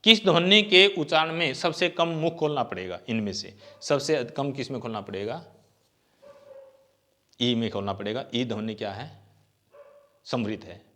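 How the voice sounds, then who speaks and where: A man's voice: mid-range voice, lively intonation, moderate pace, long pauses, bright, forceful tone. A man teaching an exam-prep grammar lecture. He asks questions and answers them himself, and he draws out vowel sounds as he demonstrates them.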